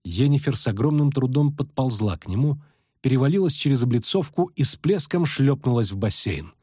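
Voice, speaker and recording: A man reading a fantasy novel aloud in measured, even narration. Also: medium pitch, breathy edge, dry recording, studio quality. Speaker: audiobook reader. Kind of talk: scripted narration.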